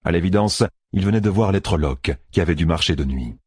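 Low husky male narrator. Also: lively intonation, fairly quick, darkish tone, no echo, studio quality. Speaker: audiobook narrator. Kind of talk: scripted fantasy audiobook narration.

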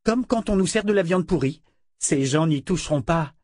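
A man reading an audiobook, voicing an excitable young male scholar who talks in eager bursts. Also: medium pitch, normal speed, no room sound, lightly acted. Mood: elated. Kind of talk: audiobook character voice.

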